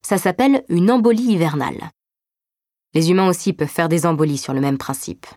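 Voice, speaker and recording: A woman voicing a gentle older brother who explains things patiently and reassuringly in a narrated story. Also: on the low side, animated, brisk, dry recording, studio quality, natural voice. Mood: patient explaining.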